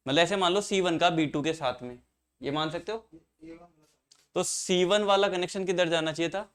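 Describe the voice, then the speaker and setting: A man's voice: high-pitched, normal speed, a bit bright, clear, resonant tone. A man teaching an engineering class, explaining circuits step by step and quizzing his students as he goes. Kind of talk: classroom lecture.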